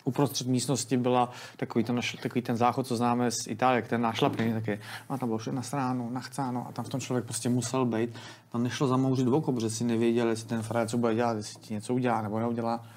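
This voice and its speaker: A man's voice: medium pitch, little pitch movement, darkish tone, a little hiss or hum. A man in his thirties, an interview guest, telling a long story in casual, rambling speech with many restarts. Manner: rambling, colloquial, frequent restarts.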